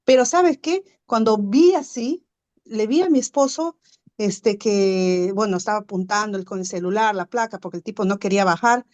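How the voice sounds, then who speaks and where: Woman, guest, casual storytelling, mid pitch, chatty, lots of fillers, animated. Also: moderate pace. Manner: chatty, heavy on fillers and tag questions; animated, acts out sounds.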